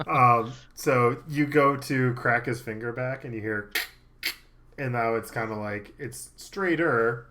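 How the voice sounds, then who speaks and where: A man's voice: mid-range voice, slow pace, pushed and bright, slight background noise. A man running a tabletop game as game master, easygoing, with frequent fillers and laughter.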